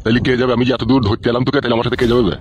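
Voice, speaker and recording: A man's voice: medium pitch, flat delivery, rapid-fire, darkish tone, lightly acted. A man playing a foul-mouthed, fuming village father. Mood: bullying. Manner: bellowing coarse insults. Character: crude furious middle-aged village father. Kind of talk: comic cartoon dubbing.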